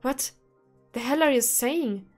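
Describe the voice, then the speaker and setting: A woman's voice: mid-range voice, flat delivery, normal speed, faint music behind, lightly acted. A woman voicing an angry, desperate young male scientist while reading a visual novel aloud, snapping out defiant outbursts. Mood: furious.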